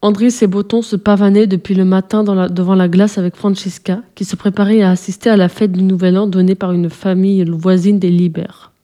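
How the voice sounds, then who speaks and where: A woman narrating a children's story in a calm, even storytelling manner. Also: mid-range voice, brisk, few pauses.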